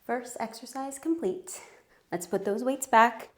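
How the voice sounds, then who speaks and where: This fitness instructor guides a home workout from a home room, counting reps and offering encouragement as she runs out of breath. She speaks high and unhurried, and the reverberant recording is very noisy.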